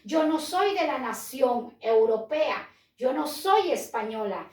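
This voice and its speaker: High-voiced Peruvian woman preaching slowly. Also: animated, echoey room, recorded from a distance. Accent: Peruvian Spanish. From Peru. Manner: asks questions and answers them herself, slow and emphatic. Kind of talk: sermon. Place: in Spain.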